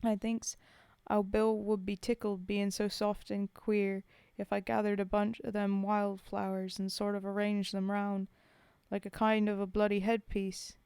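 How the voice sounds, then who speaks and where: In a wistful poetry reading, a woman gives voice to a coarse but tender common British soldier of the First World War mourning a fallen comrade in working-class dialect. She sounds natural and mid-range, slow and steady, mellow and smooth, recorded dry and close with no echo.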